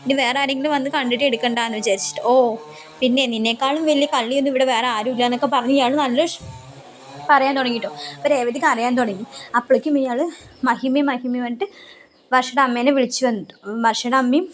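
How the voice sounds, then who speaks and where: A woman's voice: a little high, steady tone, fast talker. A woman chattily retelling a TV serial episode to her listeners, often adding a tag question for them.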